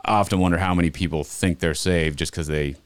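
A man from Montana, a podcast guest telling relaxed, rambling stories from his childhood in casual chat. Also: deep voice, fast, clean tone, no room sound. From Montana, USA.

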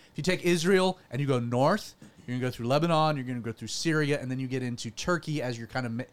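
A man hosting a talk show, teaching casually from scripture, reading passages aloud with asides and often clearing a frog in his throat. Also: medium pitch.

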